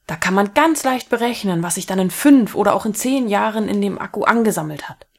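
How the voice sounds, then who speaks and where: A woman voicing an eager male maths teacher in a read-aloud story, with an excited, raised and loud delivery and a breathy tone. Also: mid-range voice, a little fast.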